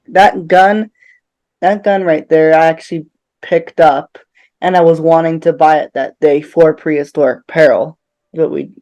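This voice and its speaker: A man's voice: a little high, darkish tone. Upbeat man leading a commentary. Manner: upbeat, leads the talk and prompts his partner. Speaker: co-host and actor in the fan film. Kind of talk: behind-the-scenes commentary. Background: faint film music.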